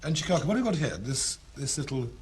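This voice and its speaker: A man's voice: medium pitch, sing-song, quick pace, a little hiss or hum. A man hosting a cooking show, chatting enthusiastically and theatrically with his guests. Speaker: cookery show host. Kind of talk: lively on-set chat.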